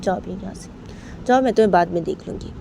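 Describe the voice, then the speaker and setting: A woman's voice: mid-range voice, fast talker, creaky, background noise, natural voice. A woman voicing a short-tempered young woman who refuses and snaps in a raised voice. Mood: dismissive. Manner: snapping, raised voice.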